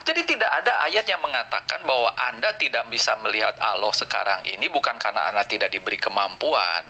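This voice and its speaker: A man's voice: lively intonation, fast, pushed and bright, dull audio, a little hiss or hum. A man arguing a religious point in a voice-chat debate, lecturing and challenging his opponent. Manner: lecturing, challenging, rising pitch when pressing a point.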